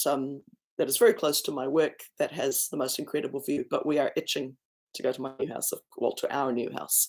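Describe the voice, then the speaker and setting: A woman's voice: low-pitched, a little mellow. A woman from South Africa with a mixed South African and New Zealand accent, chatting casually on a livestream from a rural house and answering viewers' comments. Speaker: singer hosting a livestream. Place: rented rural schoolhouse with a lake view.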